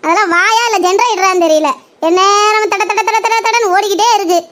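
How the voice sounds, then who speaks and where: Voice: very high voice, fairly even intonation, brisk, bright, forceful tone. A performer voicing a young daughter-in-law in a comedy skit, who speaks in a mocking, defiant way.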